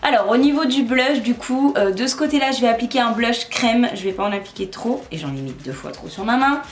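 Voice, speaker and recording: A woman's voice: fairly high pitch, lively intonation, fairly quick. A young woman chatting casually through a makeup tutorial, self-mocking and talking while she works. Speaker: beauty vlogger. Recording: echoey room, faint music.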